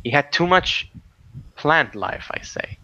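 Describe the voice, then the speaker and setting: A man co-hosting a casual podcast, telling stories in an animated way with many restarts and sudden excited outbursts. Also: on the high side, slow pace. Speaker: podcast co-host. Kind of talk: casual political chat. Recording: dull lo-fi audio.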